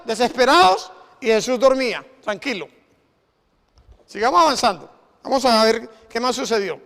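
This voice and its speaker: A male preacher with a Latin American Spanish accent, giving a sermon and quizzing the congregation with questions, often halting and repeating words. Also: very high voice, a bit bright. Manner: call-and-response questions to the congregation. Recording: hall reverb.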